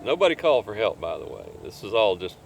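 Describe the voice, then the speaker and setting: An older man, a cave diver, telling a rescue story in an interview with a relaxed, rambling manner and chuckles between points. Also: on the low side, fast, faint music behind.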